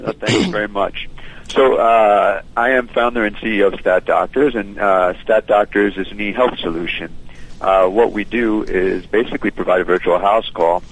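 A man with a very low voice comes through a landline phone, talking as a guest on a radio interview. He explains his company's service in a businesslike, fluent way and fills pauses with uh and um. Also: fairly even intonation, low-quality recording. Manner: fluent, businesslike, many uh and um fillers. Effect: heard over a landline phone. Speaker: company founder and CEO, guest.

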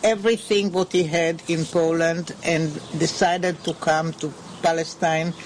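An older woman from Israel, an interview guest recalling her family history in halting English, searching for words. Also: on the low side, steady tone, a little hiss or hum. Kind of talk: unscripted recollection.

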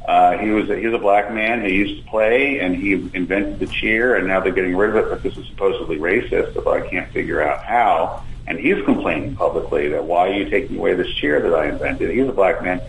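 Man, call-in guest, cave-like speakerphone echo, lowish voice, faint line hiss, argumentative, keeps saying "right?". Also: a little fast, gravelly, few pauses. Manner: argumentative, often ends points with "right?". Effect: hollow cave-like echo of a speakerphone line. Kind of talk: phone-in political commentary.

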